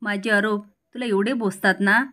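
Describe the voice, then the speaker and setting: A woman's voice: mid-range voice, steady tone, moderate pace, bright, forceful tone, close to an everyday voice. A woman voicing a bitter middle-aged aunt who taunts and scolds harshly in a storybook retelling. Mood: taunting.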